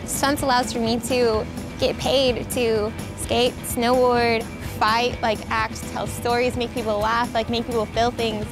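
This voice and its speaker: A woman's voice: a little high, measured pace, over music. Breezy young woman, chatty stunt performer. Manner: relaxed, chatty, frequent "like". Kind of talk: casual interview.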